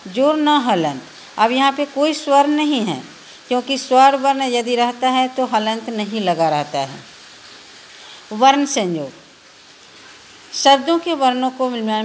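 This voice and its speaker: A woman's voice: a little high, slight background noise. A woman teacher with a Bihari Hindi accent, patiently spelling out letters one by one in a recorded lesson for children.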